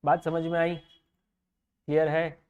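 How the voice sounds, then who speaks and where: High-voiced Indian man teaching law. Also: completely flat delivery, smooth, narrow, tinny audio. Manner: slowly dictates English legal text, mixes Hindi and English; reads student comments aloud and answers them. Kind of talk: live online exam revision class.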